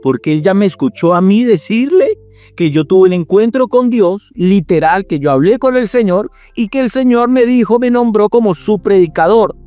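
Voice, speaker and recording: A man's voice: sits high, expressive, moderate pace, mellow, dry recording, soft background music. A man teaching in a sermon style, theatrical and sarcastic as he mocks false visions. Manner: sarcastic, theatrical, swings between mock rapture and scorn. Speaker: preacher and apologetics teacher.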